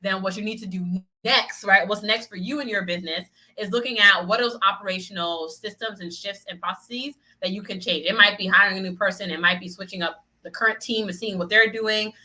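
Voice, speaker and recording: A woman coaching business owners in a quick, lively talk, tagging her points with "right?" as she goes. Her voice is bright and forward, and she rattles along at a brisk clip. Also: mid-range voice, poor audio. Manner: upbeat, peppers sentences with "right?"; acts out little voices of clients. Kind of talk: motivational solo podcast talk.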